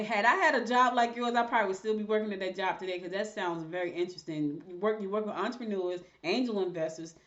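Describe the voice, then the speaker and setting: A woman's voice: mid-range voice, muffled recording. A woman hosting a casual live-stream interview, chatting to viewers as she goes. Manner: chatty, talks to viewers while fixing tech. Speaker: show host.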